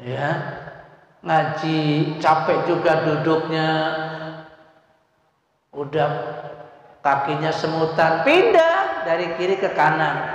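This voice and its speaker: A high-voiced man gives a lively sermon to a congregation. He slips into short acted-out complaints and pushes the point home, and the sound rings with heavy echo and a long reverb from a big hall. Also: takes it slowly, pauses often, highs cut off. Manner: lively, acts out everyday complaints in quoted asides. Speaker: preacher. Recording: very echoey hall.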